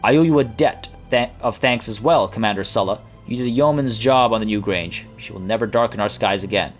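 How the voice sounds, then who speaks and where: A man's voice: on the low side, a little fast, close to an everyday voice. A man voicing a solemn, vengeful lord in a video game with formal speech. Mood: grave. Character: grave, vengeful nobleman lord. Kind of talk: video game dialogue read aloud. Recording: music playing behind.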